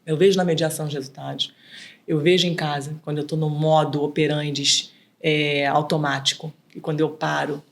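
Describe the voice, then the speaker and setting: Animated middle-aged woman, slightly low. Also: moderate pace, creaky. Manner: animated, acts out quoted dialogue. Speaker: guest, mediator and author. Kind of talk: casual podcast interview.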